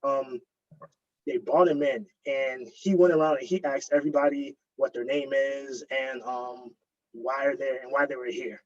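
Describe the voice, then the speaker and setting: A man, a graduate student guest, telling a story casually, with a husky voice and lots of fillers. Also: medium pitch, normal speed. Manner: relaxed, filler-heavy storytelling. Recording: dull lo-fi recording.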